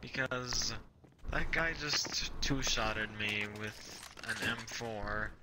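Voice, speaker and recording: A man's voice: medium pitch, slow, background noise. Young man giving team instructions. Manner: gives tactical instructions, complains about getting hit. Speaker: teammate in an online game. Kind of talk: casual game chat.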